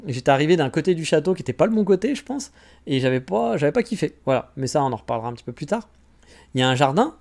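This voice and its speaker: He's a podcast host from France whose fairly high, slightly mellow voice carries a rambling, chatty conversation about travel. Self-mockery runs through his talk.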